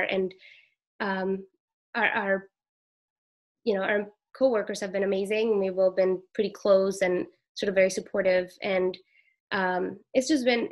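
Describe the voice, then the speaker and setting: This middle-aged emergency room nurse from Peru speaks softly and haltingly as she shares her own story with an interviewer, in a mid-range voice.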